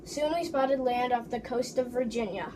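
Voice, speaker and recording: A proud English explorer, played by a woman, tells his voyage in a halting recital full of restarts. The voice sits a little high. It is caught on a distant mic with clear background noise. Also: close to an everyday voice. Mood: earnest. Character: English explorer John Smith, proud man. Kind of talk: first-person history presentation.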